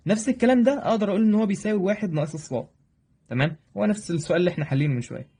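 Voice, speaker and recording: A young man with an Egyptian accent teaching a brisk, joking exam review lesson, talking straight to his students. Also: high voice, dark tone, slightly rough. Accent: Egyptian Arabic. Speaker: math teacher.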